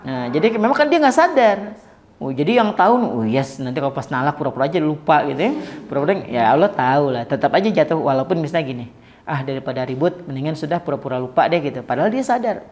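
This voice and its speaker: A man giving a casual Islamic study talk to a live audience, lively and joking, acting out little dialogues and asking the audience questions. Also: on the high side. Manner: lively, acts out quoted dialogue, jokes with audience. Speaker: Islamic preacher.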